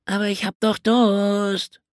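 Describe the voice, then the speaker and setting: A man's voice: high voice, flat delivery, slow pace, no room sound, clean studio sound, pitched above the performer's own voice. A man voicing two unruly little boy nephews with a whiny, squealing child voice.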